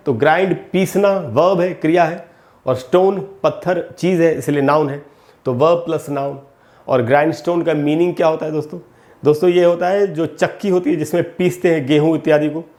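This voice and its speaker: Higher-pitched man teaching English grammar. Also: a little mellow. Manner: explains slowly, repeats terms, addresses viewers as friends. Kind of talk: Hindi-medium English grammar lesson.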